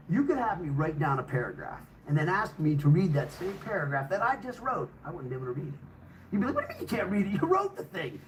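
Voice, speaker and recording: A man's voice: fairly high pitch, slight background noise, low-quality recording. An older man telling a personal story in a casual, rambling way, swearing heavily and restarting sentences.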